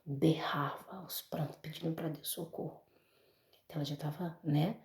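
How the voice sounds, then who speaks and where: A woman's voice: deep voice, fairly even intonation, moderate pace, a little mellow, echoey room. A Brazilian woman giving an emotional church testimony, speaking straight to her listeners as brothers and folks. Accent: Brazilian Portuguese.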